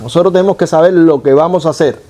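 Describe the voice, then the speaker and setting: A man with a Cuban accent delivers a sermon to his congregation in a fairly high voice. He teaches in a conversational way, tosses in rhetorical questions and stops to correct his own wording. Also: quick pace, dark tone. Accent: Cuban Spanish. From Cuba. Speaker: pastor.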